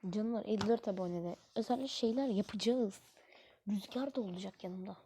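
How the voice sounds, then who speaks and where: A woman hosting her own gaming channel, giving excitable live gameplay commentary full of exclamations and quick frustration. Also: medium pitch, a little hiss or hum.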